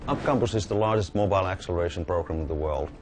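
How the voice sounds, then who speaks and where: Program rep, low male voice, plain and hesitant. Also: racing, darkish tone. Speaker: program representative.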